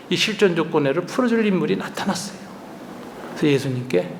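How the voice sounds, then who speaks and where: An older man, a pastor, preaching a lively, colloquial retreat sermon, acting out dialogue and chuckling often. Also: sits high, slight background noise. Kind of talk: retreat sermon, storytelling with acted quotes. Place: church hall. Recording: roomy hall reverb, faint ambience.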